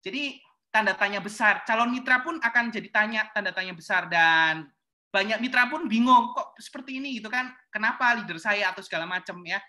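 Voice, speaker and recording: A man leads a communication seminar with a bright, crisp tone. He speaks straight to his listeners in a lively, chatty way and acts out little everyday examples as he goes. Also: high-pitched, brisk. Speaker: communication trainer. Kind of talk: seminar talk to an audience.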